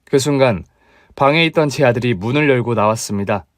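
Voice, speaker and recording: A man narrating a radio drama in an even, plain storytelling way. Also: mid-range voice, brisk, dry recording, studio quality.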